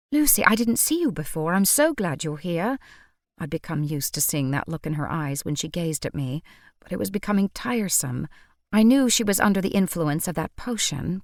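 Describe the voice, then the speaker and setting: A woman with a lowish voice narrates a first-person audiobook in a wry, brisk way. She is recorded on a close studio mic with a dry sound and no room echo. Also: a little mellow.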